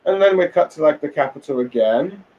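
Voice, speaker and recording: A man's voice: fairly high pitch, lively intonation, brisk, darkish tone, highs cut off. A tired man casually recapping a comic chapter, rambling with many fillers and restarts. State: tired, yawning. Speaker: manga reviewer.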